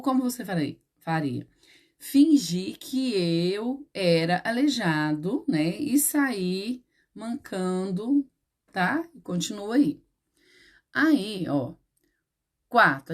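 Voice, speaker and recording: A woman with a Brazilian Portuguese accent, a primary school teacher patiently explaining a lesson to children step by step. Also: mid-range voice.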